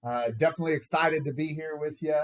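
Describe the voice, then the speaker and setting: A man's voice: fairly high pitch, fairly even intonation, quick pace. A man hosting a podcast in a casual, upbeat and agreeable way, asking questions. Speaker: podcast host.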